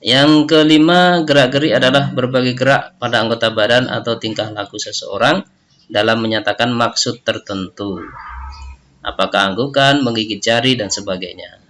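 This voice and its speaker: Indonesian guy teaching a class, bright voice, patient, keeps adding "ya" at the end. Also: medium pitch, fairly even intonation, normal speed. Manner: patient, explains step by step, tags sentences with "ya". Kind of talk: recorded class lesson.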